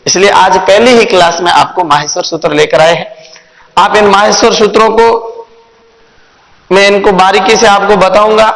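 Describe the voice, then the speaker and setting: A man teaching Sanskrit grammar in a video lesson, spelling out sounds one by one in a slow, deliberate way. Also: high-pitched, fairly bright tone. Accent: Hindi. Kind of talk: classroom-style video lesson. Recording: echoey room with long reverb.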